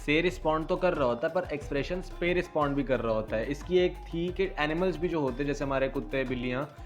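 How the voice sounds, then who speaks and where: A man's voice: on the high side, fast talker, soft background music. A young man co-hosting a casual explanatory discussion, adding everyday examples and addressing viewers directly. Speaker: co-host and student.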